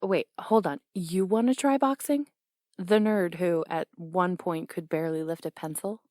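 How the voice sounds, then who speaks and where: A young woman voicing a brash, teasing tomboy boxing coach in an audio role-play, blunt and quick to laugh. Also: on the low side, a little mellow, no room sound, studio quality, close to an everyday voice.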